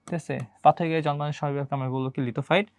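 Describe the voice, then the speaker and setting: A man's voice: a little high, steady tone, rapid-fire, slight background noise. A young man with a Bangladeshi Bengali accent giving an exam-prep biology lecture, quizzing students and answering his own questions, repeating key terms. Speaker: biology teacher.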